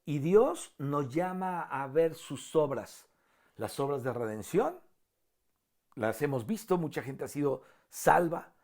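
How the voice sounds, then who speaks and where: A man's voice: on the high side, expressive, slow pace, darkish tone. A man with a Mexican Spanish accent preaching a sermon outdoors to a camera, rising emphatically on quoted verses and often repeating his first words. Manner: frequent fillers and repeated starts. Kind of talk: sermon on a psalm. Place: outdoors at dusk with mountains in view. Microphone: facing a camera.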